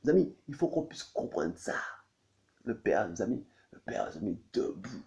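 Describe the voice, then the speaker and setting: A man's voice: big pitch swings, normal speed, vocal fry, mellow. A man preaching a sermon in a repetitive, insistent way, who keeps calling out to his listeners and asks whether they follow. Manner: repetitive, constantly saying "my friends" and asking "you see?"; pitch leaps high on questions. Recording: dull lo-fi recording.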